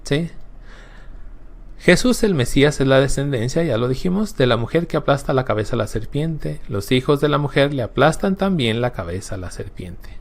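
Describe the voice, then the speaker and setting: A man gives a Bible class lecture in a gravelly, creaky voice at an ordinary middle pitch. He teaches with emphasis, repeats key words for stress and often checks in with a quick question to his listeners. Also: animated.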